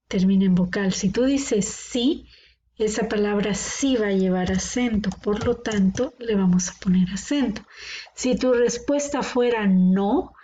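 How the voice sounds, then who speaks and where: A woman's voice: mid-range voice, dark tone. A woman teaching a grammar lesson, patiently sounding out words syllable by syllable. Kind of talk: classroom grammar explanation. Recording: dull lo-fi recording with faint noise.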